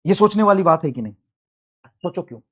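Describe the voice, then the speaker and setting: Man, physics teacher, classroom lecture, very animated pitch, dictates slowly. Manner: explains step by step, slows to dictate phrases in English. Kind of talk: classroom lecture with student questions.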